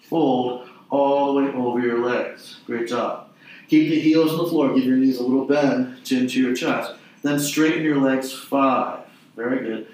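A man leading an exercise class, giving short, clipped cues and counting repetitions in a measured rhythm. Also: medium pitch, darkish tone. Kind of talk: guided mat exercise instruction with counted repetitions. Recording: very echoey room, distant mic.

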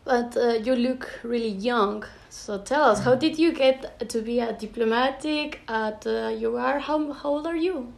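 A woman's voice: a little high, unhurried, vocal fry, few pauses. A woman from Ecuador hosting a casual interview, speaking with enthusiasm. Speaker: host. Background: music.

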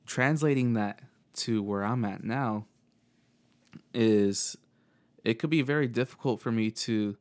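A young man speaks in a fairly low voice as the host of his own podcast. He talks earnestly and reflectively, often pausing and restarting his phrases as he works through his thoughts. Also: gravelly. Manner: earnest, halting, with repeated restarts. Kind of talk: reflective personal monologue.

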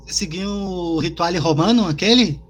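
A man with a Brazilian accent chiming in on a casual podcast chat with short, jokey remarks. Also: sits high. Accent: Brazilian Portuguese. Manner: chimes in with quick jokey remarks.

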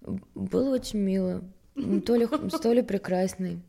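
This is a young Swedish woman, a model appearing as an interview guest, chatting casually in a candid, self-mocking, rambling way. Her mid-range voice has a dark tone and some vocal fry, and she speaks at a normal speed.

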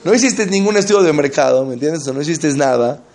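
A man giving an informal religious talk as a rabbi, conversational and full of rhetorical questions, acting out quoted people in quick asides. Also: fairly high pitch, expressive, a little mellow. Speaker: rabbi giving a Torah class.

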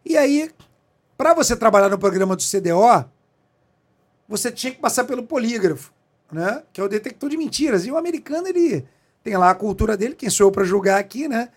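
Swearing, animated man telling a story. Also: high voice, a little fast. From Brazil. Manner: profane, emphatic, animated. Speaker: guest, federal police chief. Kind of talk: animated storytelling in a podcast interview.

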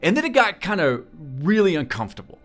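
A man telling a personal story in a talk, earnest and halting, often repeating words as he goes. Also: sits high, very animated, a bit bright, soft background music. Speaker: speaker.

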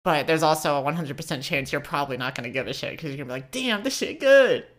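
Woman co-host, very low voice, profane joking rants, casual comedy chat. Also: fairly even intonation, very fast, a bit bright.

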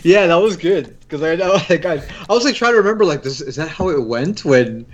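A man co-hosting a casual podcast, chatty and animated, laughing easily as he tells stories. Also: on the high side, brisk, lo-fi sound. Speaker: podcast co-host. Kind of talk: casual chat among friends.

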